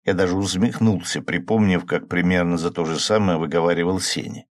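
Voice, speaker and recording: A man calmly narrating a novel in the first person as an audiobook. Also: low-pitched, a little fast, dry recording, clean studio sound.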